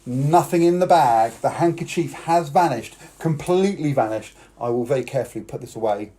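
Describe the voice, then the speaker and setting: British kids' party magician, mellow male voice. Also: medium pitch, lively intonation, a little fast. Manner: kids party magician addressing boys and girls, coaxing them to join in. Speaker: magician performing for children. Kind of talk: live-streamed kids' magic show patter.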